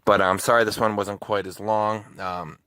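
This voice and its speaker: A man's voice: lowish voice, level tone, moderate pace, sharp tone, clear, resonant tone, no echo. A man who hosts true crime videos, telling a personal story in a casual, rambling way with many restarts.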